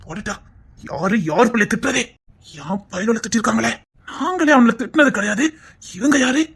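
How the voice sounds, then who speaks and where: A woman's voice: a little high, animated, brisk, breathy edge, exaggerated voice. A woman playing a blunt, indignant family elder with a Tirunelveli Tamil accent.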